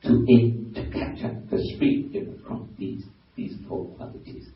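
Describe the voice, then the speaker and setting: A man with a Burmese accent, a Buddhist monk giving a dharma talk, pausing and restarting often as he searches for words. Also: medium pitch, wildly swooping pitch, faint music behind. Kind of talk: dharma talk to a lay audience. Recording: very echoey hall, distant mic, dull lo-fi sound.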